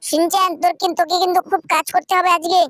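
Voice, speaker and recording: A gaming channel host narrating a role-play game video in a bossy, repetitive, excitable way. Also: extremely high pitch, racing, no room sound, clean studio sound.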